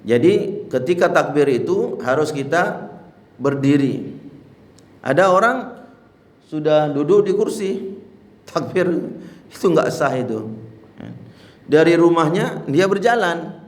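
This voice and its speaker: A man's voice: fairly high pitch, expressive, a little slow, pauses often, reverberant. A male Islamic teacher giving a religious lesson on prayer, explaining plainly and breaking into chanted demonstrations. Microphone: handheld mic.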